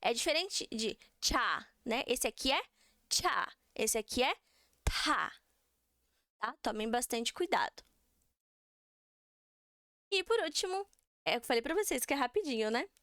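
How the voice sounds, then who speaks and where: High-voiced Brazilian woman teaching slowly. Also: lively intonation, fairly bright tone, no echo, clean studio sound. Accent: Brazilian Portuguese. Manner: patient, repeats syllables slowly for students. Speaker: Korean language teacher. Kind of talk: language lesson.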